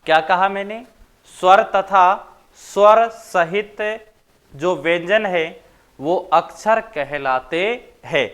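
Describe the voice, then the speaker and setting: A male teacher from Rajasthan giving a grammar lesson, dictating notes slowly and repeating points, then quizzing his students. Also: sits high, a bit bright, clean tone. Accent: Rajasthani Hindi. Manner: slow, repetitive dictation with questions to students.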